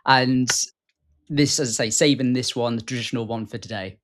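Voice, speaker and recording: A man's voice: medium pitch, fairly even intonation, brisk, fairly bright tone. A British man chatting as a fitness coach in a mid-range voice. He is laid-back and jokes easily. He talks casually about food. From United Kingdom. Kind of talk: casual chat.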